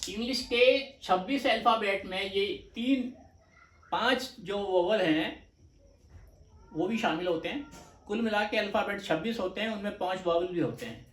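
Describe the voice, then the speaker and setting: A man gives a shorthand lesson in a slow, patient way, stretching out sounds and repeating examples. His voice sits high. It comes through roomy and echoing, a little far from the mic. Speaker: stenography teacher. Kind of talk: slow explanatory lecture. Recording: echoey room, voice off-mic.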